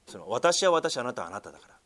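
Male pastor, mid-pitched, very lively intonation, conversational sermon with fillers. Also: fast. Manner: lively swings in pitch and loudness, many fillers, asks congregation.

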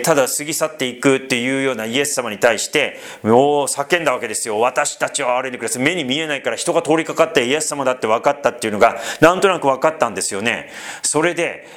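A man preaching a sermon as pastor, conversational and animated, with frequent fillers and asides to the congregation. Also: mid-range voice.

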